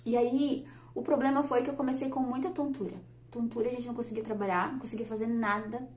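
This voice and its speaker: A woman, telling a personal story on her vlog in a chatty, lively way and laughing often. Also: fairly high pitch, fast, a little hiss or hum. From Brazil. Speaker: vlogger. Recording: echoey room.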